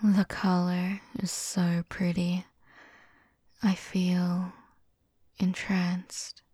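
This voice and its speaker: A woman playing a doting, dominant young student in love, in an ASMR role-play, speaking softly and teasingly right into the listener's ear. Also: on the low side, completely flat delivery, very slow, husky, no echo, heavily acted. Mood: adoring, commanding. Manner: soft, close-up soft-spoken right into the listener's ear. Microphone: very close, dry.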